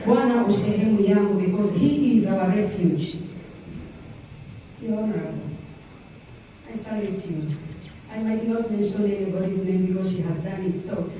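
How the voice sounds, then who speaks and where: A woman's voice: medium pitch, moderate pace, pauses often, background noise. A Kenyan woman and gospel singer giving a devout, preachy address before a song. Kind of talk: religious address. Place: large echoey hall. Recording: echoey hall from far off.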